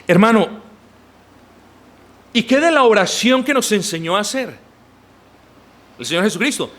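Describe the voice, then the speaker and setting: Emphatic preacher with a lively, high voice. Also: male voice, moderate pace. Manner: emphatic, addresses the congregation directly. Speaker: pastor. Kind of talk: sermon. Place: church.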